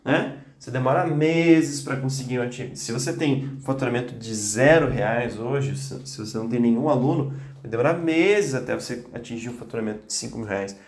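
A man hosts a motivational podcast for teachers, pressing his points insistently and repeating phrases for emphasis. His medium-pitched, slightly mellow voice moves fairly quickly with hardly any pauses, and the sound is roomy. He's a little congested with a cold and coughs now and then.

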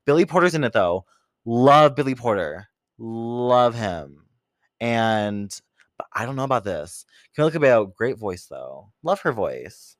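A man co-hosting a podcast, chatting and gossiping in an expressive way and swearing freely. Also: mid-range voice, unhurried, dry recording. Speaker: podcast co-host. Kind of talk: casual gossipy chat.

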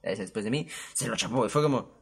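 A man's voice: medium pitch, fast talker, vocal fry, slightly rough. A young man with a Peruvian Spanish accent, casually telling a personal story with crude slang. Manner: animated, crude slang, jumps into quoted voices. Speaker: storyteller host.

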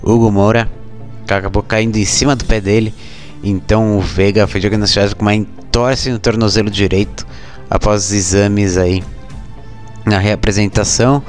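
A Brazilian man hosting casual football news, speaking haltingly with frequent mid-sentence pauses. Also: on the low side, flat delivery, soft background music. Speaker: sports show host.

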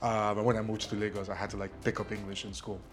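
This guest, a Nigerian media company CEO and native Ijesha speaker, talks fast in a lowish voice with little pitch movement. Casually interviewed, he recounts his story self-deprecatingly, with plenty of ums.

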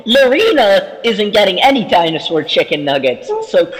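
A man playing a tabletop game, joking casually in an excitable, sweary way. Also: high-pitched, moderate pace. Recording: long hall-like reverb.

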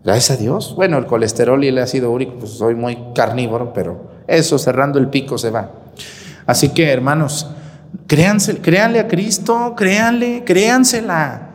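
A man's voice: mid-range voice, brisk. A man with a Mexican Spanish accent who preaches as a priest at mass, speaking to his listeners in a folksy, emphatic way. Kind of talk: sermon during live-streamed mass. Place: church. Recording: reverberant church.

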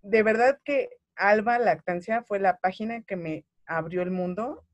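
Mexican woman, thirties, mother sharing her story, animated, emotional, quotes other people, dry close sound. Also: medium pitch, a little slow, no echo, lo-fi sound. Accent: Mexican Spanish. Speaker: guest mother. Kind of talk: personal story in conversation.

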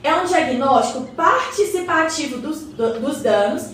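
Unhurried and expressive, with a high voice and fairly bright tone, a Brazilian woman acts as an encouraging neighbour who knows things well. In colloquial radio drama dialogue she patiently explains and speaks to her neighbour with respect. The recording is distant and roomy, with faint noise.

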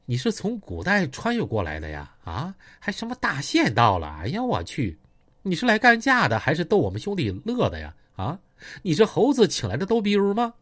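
A man's voice: a little high, huge pitch swings, a little fast, a bit bright, voice pushed up, exaggerated voice. A man voicing a sarcastic, teasing young male gang member. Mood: mocking.

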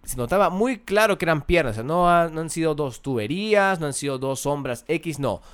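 A man, hosting a podcast and telling a story in an animated way, acting out the voices of the people in it. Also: a little high, a little fast, smooth. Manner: animated, acts out quoted voices. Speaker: podcast host. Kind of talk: casual storytelling.

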